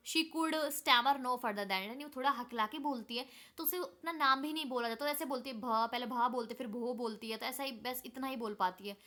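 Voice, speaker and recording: A young woman teacher explaining an English story in Hindi, reading each English line slowly and then explaining it. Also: high voice, fairly bright tone.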